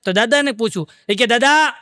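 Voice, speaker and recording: A man's voice: very high-pitched, normal speed, sharp tone, no room sound, studio quality. A man doing stand-up comedy, telling a run of jokes in a chatty way, asking the audience along and breaking into snatches of song. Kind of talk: Gujarati joke telling.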